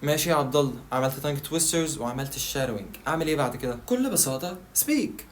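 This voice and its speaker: Here a language-learning video creator with an Egyptian Arabic accent talks in a fairly high, expressive voice at a racing pace, with a little hiss or hum in the recording. He keeps it casual, addressing the viewer directly and answering his own questions.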